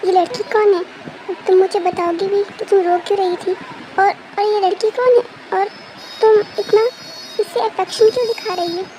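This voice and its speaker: A woman's voice: very high voice, fairly even intonation, moderate pace, dark tone, slight background noise, poor audio. A woman voicing a puzzled father who stammers and questions in disbelief.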